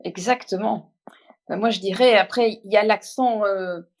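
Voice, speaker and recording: A woman's voice: mid-range voice, moderate pace. Hesitant French woman chatting. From northern France. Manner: hesitant, many fillers and restarts. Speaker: speaker on voice. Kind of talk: casual chat in an online audio room.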